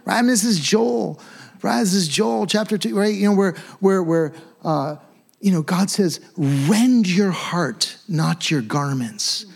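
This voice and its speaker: Casting: male pastor, middle-aged, somewhat higher voice, impassioned sermon delivery with a plainspoken, conversational edge. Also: animated, unhurried, gravelly. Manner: conversational and informal, repeats phrases for emphasis; fervent, impassioned exhortation.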